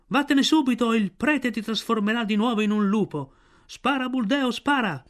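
A man voicing an angry village mob, shouting shrilly in an audiobook. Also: very high-pitched, animated, normal speed, pitched above the performer's own voice. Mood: hostile.

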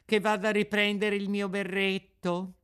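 A man's voice: flat delivery, normal speed, fairly bright tone, clear, resonant tone. A man voicing a frightened wooden puppet boy, pleading and wailing in a dramatic radio reading. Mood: wheedling. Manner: wailing, pleading, high-pitched.

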